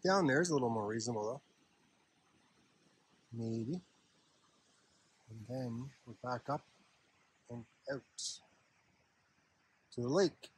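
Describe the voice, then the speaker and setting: A man with a slightly husky voice gives casual, unhurried, offhand narration to his camera while walking a trail outdoors. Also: medium pitch, animated, slight background noise. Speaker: hiking vlogger. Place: outdoors on a park trail with a stream nearby.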